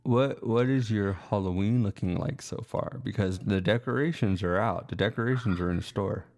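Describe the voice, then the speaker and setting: A laid-back man rambling through casual podcast chat, chuckling now and then. His voice sits a little low. He talks in a loose, easygoing way. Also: normal speed, vocal fry, darkish tone. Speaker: podcast co-host.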